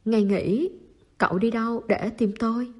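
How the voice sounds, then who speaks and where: A woman's voice: a little high, fairly even intonation, moderate pace, pitched above the performer's own voice, natural voice. A woman reading the part of a stubborn teenage boy who talks in blunt, clipped lines and gets flustered when pressed. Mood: quiet questioning. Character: stubborn teenage boy, gruff but tender.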